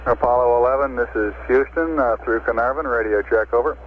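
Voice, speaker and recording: A man's voice: medium pitch, a little fast. Man on a muffled pilot headset radio. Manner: procedural, concise. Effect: over a pilot headset radio link. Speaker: spacecraft communicator in mission control. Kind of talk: clipped radio communication. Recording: muffled, faintly noisy archival radio transmission.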